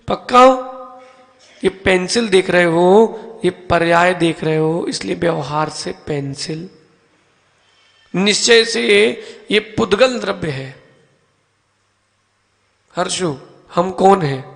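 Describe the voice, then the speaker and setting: Slow-speaking monk with a gravelly voice. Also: male voice, sits high, a bit bright, in a large hall. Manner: asks listeners questions and calls on them by name; explains step by step with everyday objects. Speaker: Jain monk. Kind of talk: teaching sermon. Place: temple hall.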